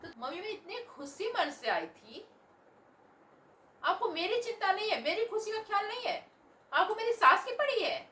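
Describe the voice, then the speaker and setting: A woman playing a petulant selfish young wife, high, echoey. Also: big pitch swings, moderate pace, sharp tone, slight background noise, heavily acted. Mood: petulant defiant. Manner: petulant, whining, dismissive. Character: selfish young married daughter, sulky and defiant. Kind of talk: home family drama acting. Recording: roomy echo, voice from a distance.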